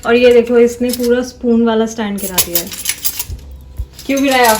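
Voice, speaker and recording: A woman's voice: on the high side, normal speed, noisy background. A young woman chatting casually in a home vlog, teasing her sister and talking to viewers. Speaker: vlogger.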